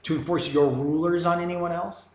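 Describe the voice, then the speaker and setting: A man's voice: fairly high pitch, steady tone, normal speed. Ranting man in an echoey room. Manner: heated, rambling, sarcastic. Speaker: video commentator. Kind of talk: ranting monologue. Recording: echoey room with faint background noise.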